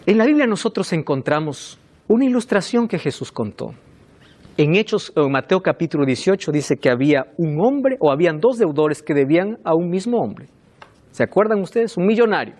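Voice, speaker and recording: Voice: mid-range voice, a little mellow. A preacher delivering a sermon, telling stories expressively, asking the congregation rhetorical questions and repeating phrases for emphasis.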